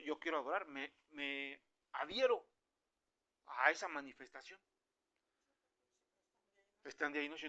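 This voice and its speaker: A man with a Mexican Spanish accent preaching an informal, conversational sermon, animated and acting out the voices of the people he quotes. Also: on the high side, lo-fi sound.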